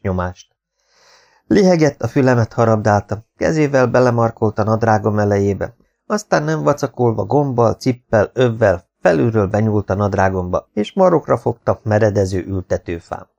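Low gravelly guy reading an audiobook, steady and unhurried. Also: lo-fi sound. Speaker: audiobook narrator. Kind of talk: first-person audiobook narration.

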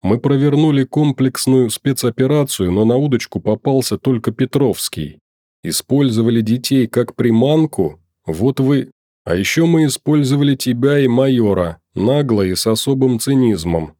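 A man's voice: medium pitch, animated, moderate pace, dark tone, dry recording, studio quality, pitched above the performer's own voice, lightly acted. A man voicing a stern male security chief who gives curt, commanding orders in a storybook reading.

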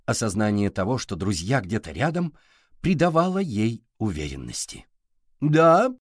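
A man narrating an audiobook with expressive storytelling. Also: on the low side, normal speed, breathy edge, no room sound, clean studio sound.

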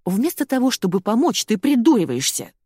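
A woman's voice: fairly high pitch, very animated, moderate pace, a little mellow, husky, no room sound, clean studio sound, voice pushed up. A woman doing a snappish, bossy young woman. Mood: irritated. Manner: snappish and commanding. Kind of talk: audiobook character voice.

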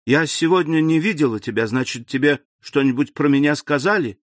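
A man's voice: fairly high pitch, brisk, no room sound, clean studio sound, voice pushed up, natural voice. A man doing an anxious young granddaughter. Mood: pleading. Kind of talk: audiobook reading.

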